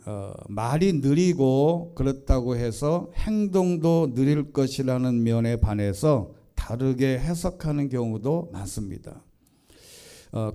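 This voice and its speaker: A man preaching a sermon as pastor, slow and deliberate with many pauses and fillers, playful when he mimics regional dialects. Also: medium pitch, dark tone, smooth.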